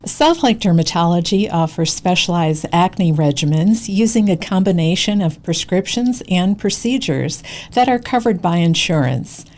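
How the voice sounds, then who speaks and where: A woman's voice: on the low side, lively intonation, moderate pace, a little mellow. A woman giving a scripted, informational advertisement narration as an announcer.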